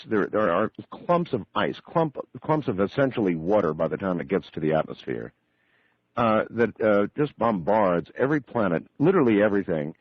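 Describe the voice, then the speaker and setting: A man hosting a late-night radio talk show, calm and halting, with many fillers and short affirmations. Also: fairly low pitch. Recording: dull lo-fi radio broadcast.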